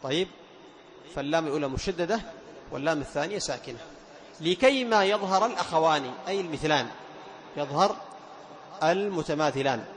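A man teaching Quran recitation rules, explaining each point, chanting verses slowly and drawn out, and quizzing his students. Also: on the high side, lively intonation. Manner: quizzes students and praises answers. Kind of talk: tajweed lesson with recited examples.

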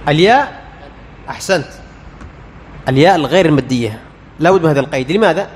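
A man teaching Quran recitation as a lecture. He quizzes the class, answers his own questions and sounds out letters slowly. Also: on the high side, animated, big-room sound, a little hiss or hum.

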